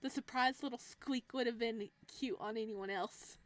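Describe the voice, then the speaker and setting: A let's player voices a visual novel, reading the game's words and chatting about them casually with giggles and playful reactions. Her pitch leans high and her speed is normal.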